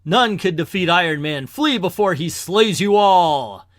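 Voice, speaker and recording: A man's voice: a little high, animated, moderate pace, fairly bright tone, no room sound. Man acting Iron Man, grandly declamatory and dry. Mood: commanding. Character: heroic, vengeful male armored iron man. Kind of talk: comic book hero read-aloud.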